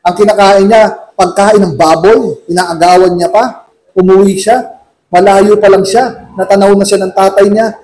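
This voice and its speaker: A man with a Filipino accent giving a humorous church talk in a chapel, acting out shouting couples. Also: high voice, fairly even intonation, normal speed, low-quality recording. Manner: jokey, acts out shouting couples. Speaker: lay preacher.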